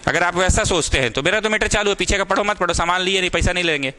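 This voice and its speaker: High bright-voiced maths tutor. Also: male voice, very fast. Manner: scolding yet caring, mixes Hindi and English. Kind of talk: classroom teaching.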